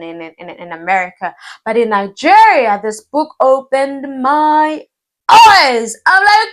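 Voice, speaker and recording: A woman talks through her favorite books of the year in a relaxed vlog. Her delivery is animated and emphatic, and she repeats words to stress a point. Her pitch sits in an ordinary middle range. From South Africa. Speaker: book vlogger. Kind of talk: casual book review.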